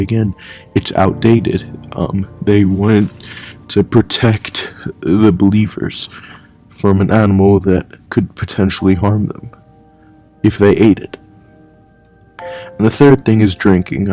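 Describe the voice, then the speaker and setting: A vlogger delivers a casual, blunt monologue, rambling and swearing freely, and at times he drops to a low, hushed voice because he's at home at night.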